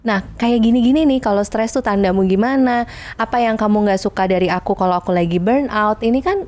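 A woman's voice: medium pitch, a little fast, darkish tone. A woman psychologist talking in a casual podcast chat, thoughtful and hedging, with many fillers and tag questions. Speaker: clinical and family psychologist guest.

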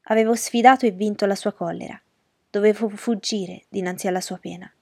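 A woman narrating in the first person as the heroine of a radio drama, measured and emotional. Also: mid-range voice, fairly even intonation, creaky, darkish tone, husky, no echo, studio quality.

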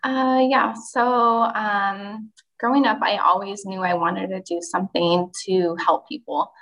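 A woman's voice: mid-range voice, steady tone, unhurried, a bit bright, low-quality recording. A woman who runs a youth refugee mentoring program, talking as a podcast guest and explaining things steadily with some ums. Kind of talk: podcast guest, casual talk.

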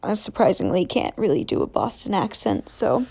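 A woman's voice: mid-range voice, very animated, normal speed, darkish tone, breathy edge. A young woman from New England hosting a casual solo podcast, chatty and full of jokey asides. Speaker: podcast host.

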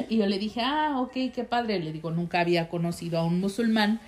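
Her medium-pitched, slightly mellow voice moves at a normal speed as this young woman with a Mexican accent shares a story from her life. As a vlogger, she's chatty and digressive, using many fillers and addressing viewers directly.

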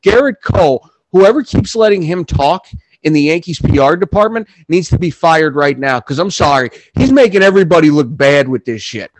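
A man's voice: on the high side, expressive, fairly quick, background noise. A man co-hosting a sports podcast, talking bluntly and swearing freely as he argues his opinions in casual chat. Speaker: podcast co-host.

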